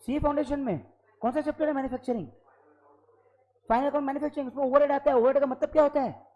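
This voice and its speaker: A man teaching an accounting class live in a classroom, lively and constantly prompting students for yes or no. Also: very high-pitched, quick pace, dull audio. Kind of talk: classroom lecture.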